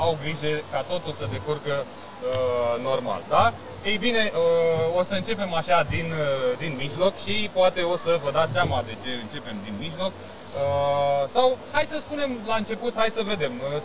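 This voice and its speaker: A man hosting a casual live social media interview, chatty and teasing, with filled pauses. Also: fairly high pitch, low-quality recording. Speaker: host. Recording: live with crowd noise.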